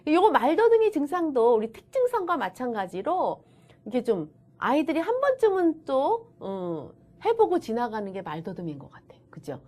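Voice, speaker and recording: A woman's voice: sits high, normal speed. A woman giving a recorded online lecture in a chatty manner, often acting out what teachers and children say. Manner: chatty, lively, acts out children's and teachers' lines. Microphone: camera-recorded lecture.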